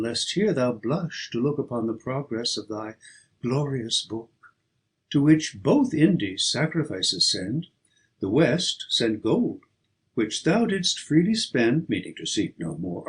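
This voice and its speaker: An audiobook reader performs poetry with a markedly rough, breathy-husky voice that is a bit bright. He goes slowly and declaims theatrically, his pitch swinging widely around a middling register, and the audio is poor.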